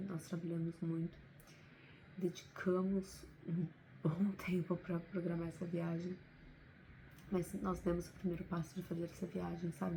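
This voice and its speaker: A woman's voice: lowish voice, warm tone, slight background noise, rough recording. A woman with a Brazilian Portuguese accent, talking to camera in an unscripted, heartfelt motivational vlog, often adding little tag questions. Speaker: vlogger.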